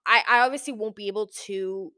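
A woman talks casually to camera in a big, sparsely furnished room, and her voice echoes off the bare walls. She speaks at a middling pitch and keeps it chatty, with plenty of fillers and quick self-corrections. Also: sharp tone, clear, resonant tone. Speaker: video host. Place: large, half-furnished room. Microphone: new microphone.

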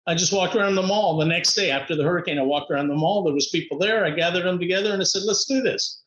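A man with a fairly high voice tells his story in an upbeat, animated way and laughs often. He speaks as a guest in conversation. The room sounds echoey. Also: very fast. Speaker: podcast guest, motivational speaker.

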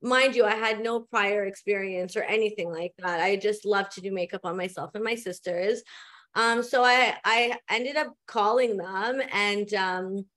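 A woman from Canada, a guest on a podcast, telling her story in a relaxed way with many fillers. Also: mid-range voice, normal speed. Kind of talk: casual interview storytelling.

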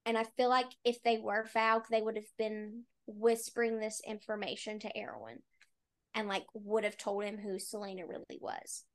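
A woman's voice: medium pitch, moderate pace. A woman co-hosting a book podcast, chatting casually about a novel and often dropping "like" as she talks. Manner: chatty, with frequent "like" fillers.

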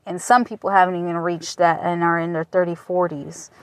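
A woman in her late twenties from Michigan, USA, hosts her own podcast, speaking in a fairly low, level voice at a fairly quick pace on a dry recording. Waiting at a taco shop, she delivers a candid, slightly rambling personal monologue peppered with casual swearing.

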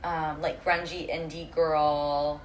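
A woman's voice: low-pitched, level tone, takes it slowly, crowd noise. A young woman co-hosting a casual podcast, chatty and packing her talk with "like". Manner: chatty, constant "like" fillers. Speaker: podcast co-host. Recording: roomy room, faint noise.

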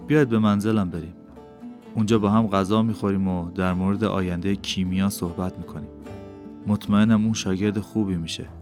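A man reading an audiobook, voicing a wise, kindly old teacher who speaks slowly and gravely. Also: lowish voice, music in the background, natural voice. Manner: slow, grave, warm. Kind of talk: audiobook character voice.

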